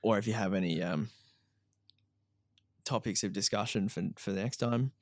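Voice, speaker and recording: Low-voiced man, easygoing podcast co-host. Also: dry recording, clean studio sound. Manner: easygoing, halting, self-deprecating. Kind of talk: casual chat.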